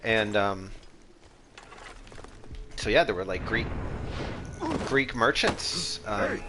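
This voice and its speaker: This Texan Egyptologist streamer takes it slowly, his low voice rambling through casual gaming commentary sprinkled with history asides. He thinks aloud with plenty of fillers, and steady background noise runs underneath.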